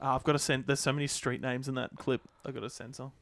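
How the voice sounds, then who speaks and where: A young man co-hosting a podcast in casual chat, relaxed, often laughing and steering the topics. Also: mid-range voice, fast, a crowd in the background. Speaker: podcast co-host.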